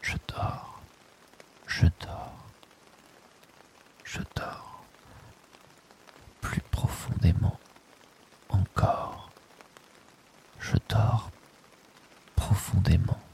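A man leading a guided sleep meditation in a slow, soothing voice that drifts into whispers. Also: low-pitched, steady tone, gravelly, darkish tone, low-quality recording. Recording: rain sounds behind the voice.

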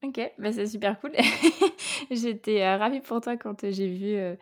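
A woman's voice: mid-range voice, unhurried. A woman hosting a casual podcast interview, chatty and laughing easily, with lots of fillers. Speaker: podcast host.

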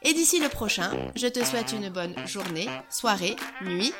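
A woman's voice: mid-range voice, animated, normal speed, loud music behind the voice. A woman hosting a podcast, chatting casually and playfully with a guest and laughing often. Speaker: podcast host.

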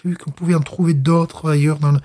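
A man's voice: on the high side, flat delivery, quick pace, warm tone. A man co-hosting a casual beer-tasting podcast chat, talking hesitantly with frequent restarts and fillers. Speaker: podcast co-host.

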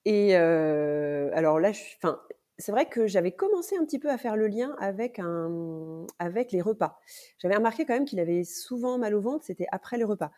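Halting, soft-toned woman telling a story. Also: mid-range voice, animated. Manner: hesitant, many fillers and restarts. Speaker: podcast guest, mother. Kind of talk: casual storytelling interview.

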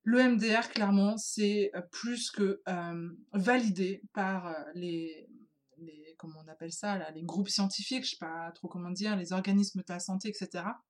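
A woman's voice: medium pitch, fairly even intonation, normal speed. A woman casually explaining wellness techniques in French, hesitant, with many fillers and restarts, speaking informally to the listener.

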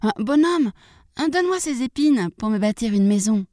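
Woman voicing a squeaky little storybook pig. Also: animated, moderate pace, warm tone, dry recording, clean studio sound, natural voice. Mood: pleading, defiant. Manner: high squeaky piping voice. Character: cheeky squealing little pig, small and clever.

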